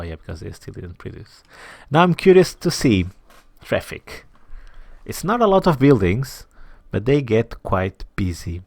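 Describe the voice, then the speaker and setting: Low gravelly man muttering through a game. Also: dry recording. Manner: thinks aloud, muttering asides to himself, with quick whispered remarks; chatty and self-deprecating toward viewers. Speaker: gaming channel host. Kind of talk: let's-play commentary while building a city.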